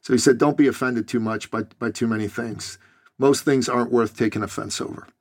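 A man from Iran hosting a casual podcast interview, easygoing and quick to laugh at himself. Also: medium pitch, fairly even intonation, darkish tone. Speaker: podcast host.

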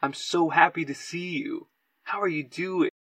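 A man voicing a warm, caring male animal healer in a tabletop game, with a friendly, upbeat manner. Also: fairly high pitch, drawn-out words, husky, no echo, pitched above the performer's own voice, exaggerated voice.

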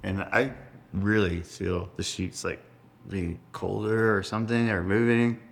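A man's voice: fairly low pitch, little pitch movement, measured pace, creaky. A young man telling stories as a podcast guest, rambling with lots of fillers and laughs. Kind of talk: casual storytelling chat.

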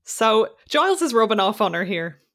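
A woman's voice: on the high side, big pitch swings, moderate pace, fairly bright tone. A woman co-hosting a podcast, making wry remarks and laughing often in casual chat. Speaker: podcast co-host. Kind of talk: casual chat recapping a TV episode.

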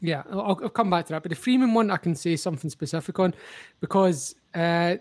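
A man with a fairly high voice talks through refereeing decisions in a casual football chat. He is opinionated and explains the rules at length. The sound is close and dry, with no room around it. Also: brisk, dry recording. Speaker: podcast co-host.

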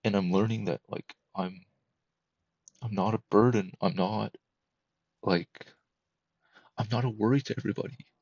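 A man in his thirties, a podcast guest, talking candidly and emotionally in a halting, repetitive way that keeps circling back. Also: fairly low pitch, steady tone, darkish tone, dry recording, highs cut off. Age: 30s. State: emotional, close to breaking. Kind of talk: candid personal conversation.

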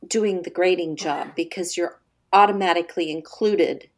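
A woman co-hosting a podcast, chatting casually and sharing unhurried, relatable asides. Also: on the low side. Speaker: podcast co-host.

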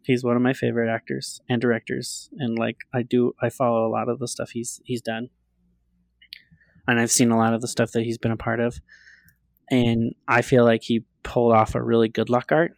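A man's voice: mid-range voice, flat delivery, normal speed, gravelly, no echo. A man co-hosting a casual fan podcast, talking emphatically and repeating his points. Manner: emphatic, repeats himself, laughs often. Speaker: podcast co-host. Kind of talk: casual chat.

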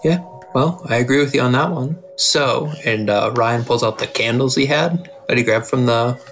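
A man's voice: medium pitch, moderate pace, a bit bright. Guy narrating his character in a tabletop game, faint music behind. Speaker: player.

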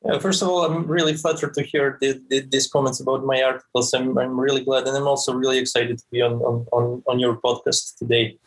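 A man's voice: medium pitch, little pitch movement, brisk, few pauses, rough recording. A man, a podcast guest who talks with many stammered restarts and repeated words. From Serbia. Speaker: guest, game creative director. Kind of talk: podcast interview.

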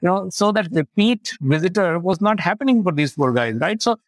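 This man speaks in a high, expressive voice at normal speed, with no room sound. He's a startup founder with an Indian accent, answering a casual interview by telling stories and performing bits of dialogue.

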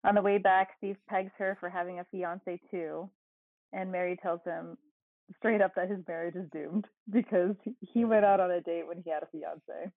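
A woman's voice: fairly low pitch, fairly even intonation, moderate pace, no room sound. Woman recapping a movie on a tinny line. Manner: recaps plot with dry asides and laughs. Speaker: podcast co-host. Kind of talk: casual movie recap chat.

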